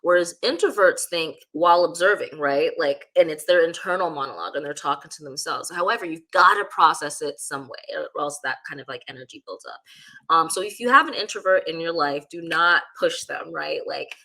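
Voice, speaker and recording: A woman with a bright, forceful tone and a somewhat low pitch, talking as an interview guest. She sounds candid and animated, and she peppers her speech with "like" as she goes. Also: brisk. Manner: candid, animated, frequent "like" fillers. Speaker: guest speaker. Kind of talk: casual interview conversation.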